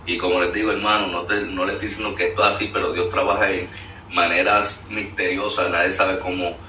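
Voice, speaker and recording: Earnest man, low voice, testimony; echoey room, distant mic, faint noise. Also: level tone, brisk, bright, forceful tone. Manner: earnest, storytelling with many fillers. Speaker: guest sharing a testimony. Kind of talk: emotional spoken testimony.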